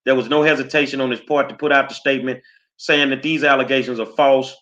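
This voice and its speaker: A man's voice: mid-range voice, steady tone, fast talker, a bit bright. A man co-hosting a political talk show, fired up, firing off rhetorical questions in blunt slang. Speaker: co-host. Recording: slightly dull, lo-fi line.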